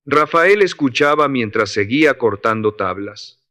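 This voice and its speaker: A man narrating a motivational story from a script in a steady, unhurried reading style. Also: mid-range voice.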